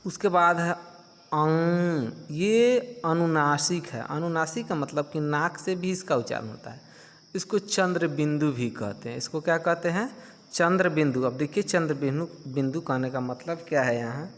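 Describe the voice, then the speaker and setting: A male teacher giving a grammar lesson to children, patiently asking questions and answering them himself. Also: a little high. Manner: slow, patient explaining. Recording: long hall reverb.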